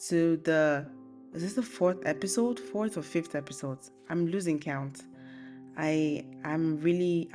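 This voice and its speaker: A young woman hosting a casual faith podcast, chatting informally and thinking aloud in a relaxed, rambling way. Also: low-pitched. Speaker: podcast host. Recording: soft guitar music behind the voice. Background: acoustic guitar music.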